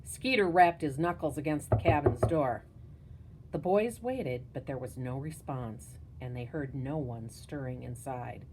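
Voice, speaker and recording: A woman narrating a spooky children's story in a measured, hushed storytelling manner. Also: rumbling low, animated, noisy background. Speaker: audiobook narrator.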